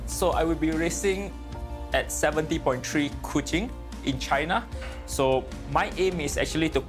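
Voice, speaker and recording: A man from Malaysia in his thirties, a triathlete talking in a documentary interview, relaxed and a bit hesitant, with easy laughs. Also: a little high, normal speed. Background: music.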